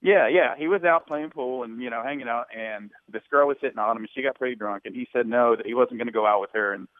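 A man phones in to a radio show and talks fast in a loose, rambling way, full of "you know" and "like". His voice comes through a thin, tinny phone line that sounds close and dry. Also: medium pitch, no room sound. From Louisiana. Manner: rambling, relaxed storytelling with fillers. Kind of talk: casual call-in chat.

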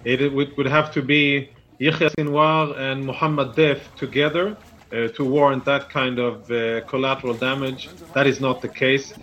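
A man speaking as a military spokesman in a live news interview, firm, deliberate and defensive, over a band-limited remote link. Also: medium pitch, fairly even intonation, a bit bright, poor audio.

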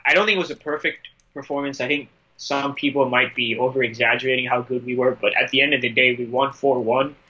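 Man, podcast football analyst, forceful bright voice, casual opinionated talk, slightly muffled lo-fi recording. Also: mid-range voice, steady tone, fast. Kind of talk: casual sports discussion.

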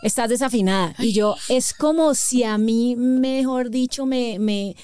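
Colombian female singer, podcast guest; high, clear voice; lively, acts out the arguments she describes. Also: takes it slowly. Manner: lively, animated storyteller who acts out arguments. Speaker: singer in a duo with her husband. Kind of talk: casual podcast chat.

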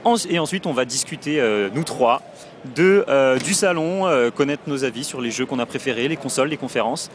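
A man hosts a live podcast episode at a video game trade show, talking chattily and warmly with plenty of fillers. His mid-range voice is fairly quick, with a bit of hiss or hum in the audio.

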